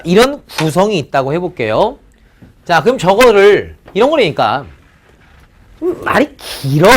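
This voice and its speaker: A male math teacher giving a recorded lecture. He is animated, stretches out key words for emphasis and keeps checking in with the class. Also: sits high.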